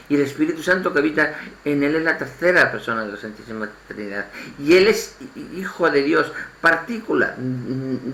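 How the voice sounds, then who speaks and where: A man from Spain with a Spanish accent giving an informal spoken sermon, halting and restarting his phrases and repeating words as he goes. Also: mid-range voice, vocal fry, sharp tone, slight background noise. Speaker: lay preacher. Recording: echoey room, faint ambience.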